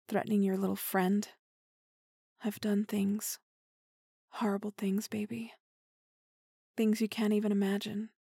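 A woman playing an obsessive, possessive young woman who kidnapped her lover, speaking softly and intimately and often dropping to a whisper. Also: mid-range voice, husky, no room sound, clean studio sound. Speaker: voice actor in audio roleplay. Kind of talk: intimate listener-roleplay audio drama.

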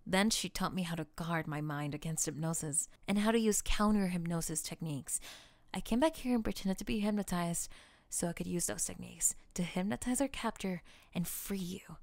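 A woman voicing a calm young woman who frees her boyfriend by counter-hypnosis, speaking softly and soothingly in an audio roleplay. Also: lowish voice, no echo, natural voice. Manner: soft, whispery, soothing hypnotic delivery.

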